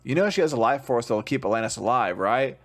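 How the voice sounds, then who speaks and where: A man's voice: mid-range voice, expressive, fast talker, fairly bright tone. A man giving sarcastic, argumentative commentary that rebuts another critic's video.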